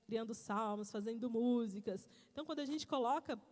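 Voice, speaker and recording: A woman preaching a church sermon on marriage, animated and laughing as she tells stories. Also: a little high, a little fast. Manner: animated, storytelling, laughs often. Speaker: pastor's wife preaching. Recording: church hall reverb.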